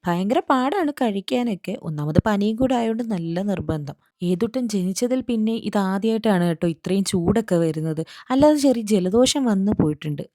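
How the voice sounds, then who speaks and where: A woman's voice: medium pitch, lively intonation, fairly quick, warm tone, no room sound, clean studio sound. A young woman narrating a daily family vlog in an informal, chatty way, addressing viewers familiarly. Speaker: family vlogger.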